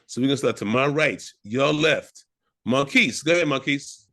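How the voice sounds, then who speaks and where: A man's voice: medium pitch, moderate pace, fairly bright tone. A man hosting an online networking meetup over a video call, calling on attendees by name in a friendly way. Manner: friendly, calls on people by name. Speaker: meetup host.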